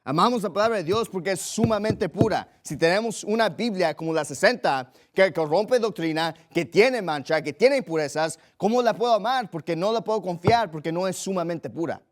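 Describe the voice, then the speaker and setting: A man's voice: sits high, expressive, normal speed, few pauses. A young adult man preaching a sermon as pastor, emphatic, repeating phrases and reading scripture aloud.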